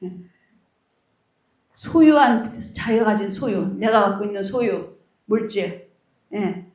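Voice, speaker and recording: A middle-aged woman pastor preaching, telling a story in an animated way and acting out the people in it. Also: mid-range voice, takes it slowly. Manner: animated storyteller, acts out quoted dialogue. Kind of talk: storytelling sermon. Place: church hall. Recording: roomy echo, voice from a distance.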